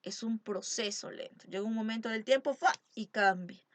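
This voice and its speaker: Emphatic woman teacher, higher voice. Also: normal speed, dry recording. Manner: emphatic, asks rhetorical questions. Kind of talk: exam-prep lecture.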